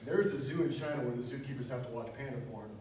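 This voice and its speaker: This Wisconsin comic, a young man, fires off crude, self-mocking jokes rapid-fire in a mid-range, darkish voice, peppering them with "you know." He's on a small club stage in an echoey room. The distant mic adds faint noise.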